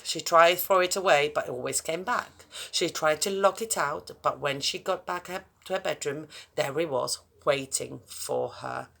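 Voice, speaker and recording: Reading a story for children, a woman speaks in a creaky, low voice and adds chatty side remarks along the way. Her delivery is expressive, and she addresses the young audience directly.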